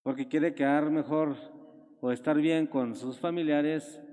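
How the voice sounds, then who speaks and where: A man's voice: fairly even intonation, measured pace, warm tone. Man preaching in a reverberant hall. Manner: storytelling, acting out Bible scenes with raised pitch. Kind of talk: sermon. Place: church.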